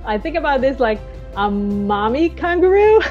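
A woman's voice: high voice, sing-song, normal speed, phone-quality sound, soft background music. A woman in her thirties from Colombia, speaking English with a Colombian Spanish accent and Spanish as her first language, explaining eagerly as a space mission flight director on a video call through earbuds. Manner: eager, explanatory, tags lines with "right?". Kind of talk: recorded video interview. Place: small indoor room, seated in an armchair. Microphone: wired earbud mic on a video call.

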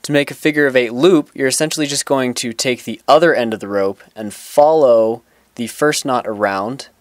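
Outdoors on the grass, a young man walks through tying a knot step by step in a plain, instructional way, sometimes restarting a sentence. His voice is mid-range and moderately paced, and the recording is studio quality with no room sound.

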